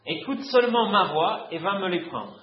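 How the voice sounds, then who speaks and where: A man's voice: high voice, sing-song, moderate pace, voice pushed up. A man reading aloud, voicing a scheming mother who gives urgent, firm commands. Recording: roomy, dull lo-fi recording.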